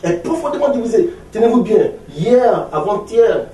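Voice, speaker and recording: A man in his forties from Ivory Coast, with an Ivorian French accent, is interviewed as the leader of an opposition political party. His voice sits high and mellow at normal speed, animated, emphatic and rhetorical, repeating phrases, and the distant mic gives a roomy sound with faint noise.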